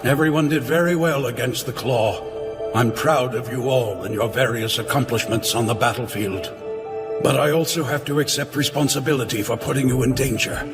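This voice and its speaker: Aging patriarch for anime dub, male actor: solemn, humble, creaky mid-pitched voice, prominent score behind. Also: close to an everyday voice. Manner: grave, measured. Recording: loud music under the voice. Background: loud music.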